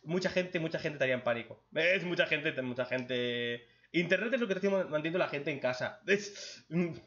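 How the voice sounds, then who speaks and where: This lo-fi, dull-sounding clip features a blunt man who jokes his way through viewer questions, answering with crude humor in a relaxed chat. He talks at a normal speed in an expressive, slightly bright voice that sits a bit high for a man.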